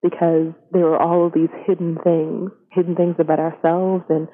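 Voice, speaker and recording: A young woman speaks as an interview guest with her voice electronically disguised to sound deeper. She is candid and reflective, sprinkling in "you know" as she goes. The sound is narrow and phone-like. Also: level tone, moderate pace. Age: young adult. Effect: voice disguised electronically, pitched down. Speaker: interview guest, science career columnist. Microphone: telephone. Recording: band-limited telephone line.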